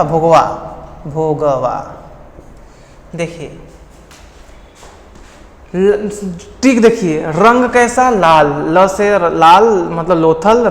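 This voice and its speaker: A man's voice: high-pitched, roomy sound, in a large hall, a little hiss or hum. A man from India teaching an exam-prep history lesson, quizzing his students by repeating each key fact as a question and giving memory tricks.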